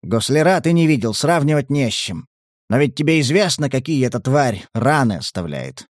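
A man voicing a calm, dry-spoken male collector in an audiobook. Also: mid-range voice, moderate pace, no room sound.

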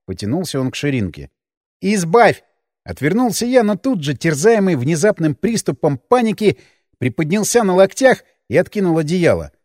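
A man's voice: a little high, very animated, fairly quick, a little mellow, dry recording, clean studio sound. A man narrating a first-person audiobook, cool and blunt in his character's dialogue.

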